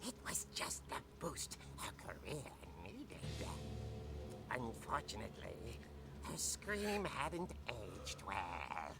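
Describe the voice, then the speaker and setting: A man's voice: medium pitch, wildly swooping pitch, slow pace, gravelly, heavy background noise, full character voice. An actor playing a ghoulish old male horror storyteller in a game, theatrical and relishing every gruesome line. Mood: gleeful ghoulish. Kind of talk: game voice acting.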